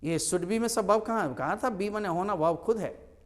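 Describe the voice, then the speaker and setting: Male tutor, high voice, stresses and repeats words, reverberant classroom. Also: fairly quick. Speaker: English teacher. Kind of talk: classroom lesson.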